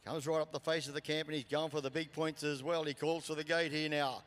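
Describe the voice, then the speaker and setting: A man's voice: a little high, level tone, brisk, fairly bright tone. A man with an Australian accent giving live campdraft commentary as an arena announcer over a PA. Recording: PA echoing through large arena.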